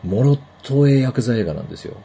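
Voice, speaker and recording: A man hosting a podcast, chatting casually in a laid-back, unhurried way. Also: medium pitch, lively intonation, warm tone, slight background noise. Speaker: podcast host.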